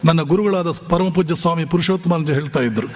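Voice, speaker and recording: A man's voice: a little high, fast. A monk from giving a spiritual discourse, impassioned and firing rhetorical, scolding questions at his listeners. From Bijapur region, north Karnataka. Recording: long hall reverb.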